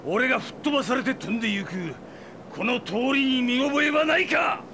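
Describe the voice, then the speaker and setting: A man's voice: extremely high pitch, expressive, normal speed, background noise. An actor playing a cruel, megalomaniac vampire villain in a Japanese audio drama, theatrical and gloating, drawing out his menace. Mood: gloating triumph. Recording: music bed under the voice.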